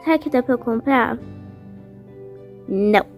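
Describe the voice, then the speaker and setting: A woman with a high, bright-sounding voice narrates her gameplay in a loose, chatty way. She teases and questions the characters as if they could hear her. Soft game music runs faintly underneath. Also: a little slow. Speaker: gaming channel host. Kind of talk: casual gameplay commentary.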